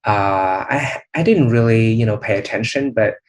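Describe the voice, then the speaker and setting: Thoughtful young man, low voice. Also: rough recording. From Vietnam. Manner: thoughtful, many "um" and "you know" pauses. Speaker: channel host, interviewee. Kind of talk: speaking test practice answers.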